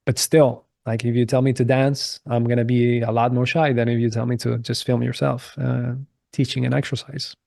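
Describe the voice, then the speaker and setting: A man in his thirties, a guest on a podcast, talking candidly in a halting way and repeating words as he starts his thoughts. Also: medium pitch, level tone, creaky, warm tone, no echo, clean studio sound. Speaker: podcast guest, movement coach. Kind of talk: casual conversational interview.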